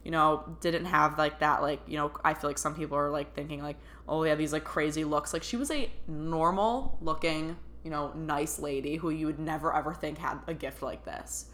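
A young woman in her twenties telling a personal story in a chatty, excitable way, full of fillers. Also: low-pitched, moderate pace, few pauses. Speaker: vlogger. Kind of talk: casual storytelling.

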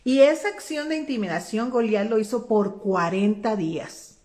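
A woman's voice: fairly high pitch, normal speed. A woman giving a conversational Bible teaching, retelling the story folksily and tagging her sentences with little checks to the listener. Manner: folksy, constantly adds "¿verdad?"; expressive retelling with quoted voices.

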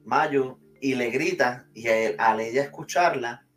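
A man's voice: medium pitch, measured pace, soft background music. A man hosting a casual anime discussion, steering the talk with questions in a conversational way. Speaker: host.

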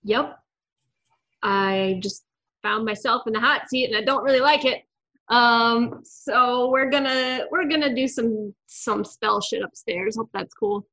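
A woman playing a tabletop game, dry and sarcastic with halting phrasing. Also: fairly high pitch, bright, forceful tone. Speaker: player. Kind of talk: casual tabletop play.

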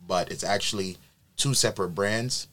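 A New York–raised event planner with a lowish voice, speaking at normal speed, chats casually on a podcast. He tells his story in a relaxed way, full of ums and likes.

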